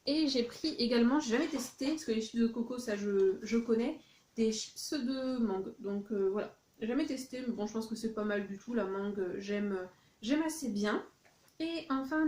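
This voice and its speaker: Brief: woman, higher voice with a mellow tone, casual haul vlog, hesitant and chatty, roomy sound. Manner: chatty, hesitant with many fillers. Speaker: vlogger showing a shopping haul. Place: home office.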